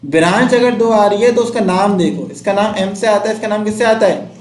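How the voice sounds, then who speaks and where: A man's voice: sits high, fairly quick, reverberant, slight background noise. A man teaching chemistry to a class, quizzing students and counting out numbers as he explains.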